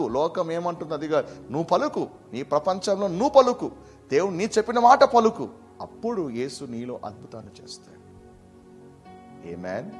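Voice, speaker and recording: A man teaching a verse-by-verse Bible study, preaching emphatically and swinging between loud bursts and soft asides. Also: medium pitch.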